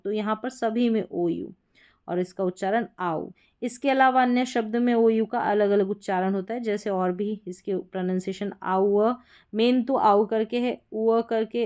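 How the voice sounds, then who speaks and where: A woman's voice: mid-range voice, mellow. A woman with an Indian accent teaching English pronunciation, explaining rules patiently and reading word lists aloud one word at a time. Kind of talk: explaining lesson.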